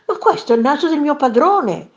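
A woman's voice: sits high, very animated, brisk, highs cut off, voice pushed up. A woman playing an urgent young housemaid. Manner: exclaiming, urgent. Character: devoted young housemaid, shocked.

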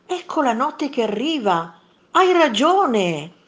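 A woman voicing a quarrelsome, hot-tempered monster in a children's story read aloud, shouting insults in a raised, lively voice. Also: medium pitch, slow pace. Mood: calm, amused.

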